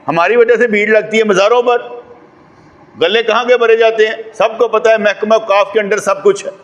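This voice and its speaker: With a high-pitched, fairly bright voice, this Pakistani man preaches a sermon lecture as a religious scholar, his Urdu accent distinct. He rises repeatedly to forceful climaxes and challenges listeners with rhetorical questions.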